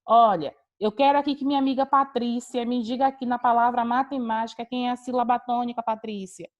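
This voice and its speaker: A woman's voice: a little high, steady tone, brisk, highs cut off. A woman teaching an online class, calling on students by name and praising their answers. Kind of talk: online class on a video call.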